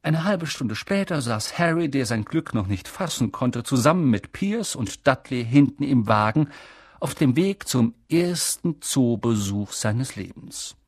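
A male narrator reading a storybook aloud at an unhurried pace. His pitch swings widely as he brings the story to life. The recording is dry and close. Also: dry recording. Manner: expressive, measured storytelling. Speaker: audiobook reader.

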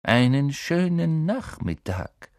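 A man voicing a cold, sneering male schoolteacher who speaks slowly in a silky, menacing way. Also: mid-range voice, sing-song, vocal fry, a little mellow, no room sound, studio quality, heavily acted.

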